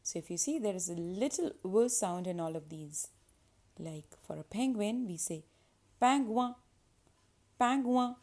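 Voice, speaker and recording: A woman's voice: fairly low pitch, expressive, moderate pace, mellow. A woman teaching French pronunciation, saying each French word twice with stress and then giving its English meaning. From India. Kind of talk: pronunciation lesson.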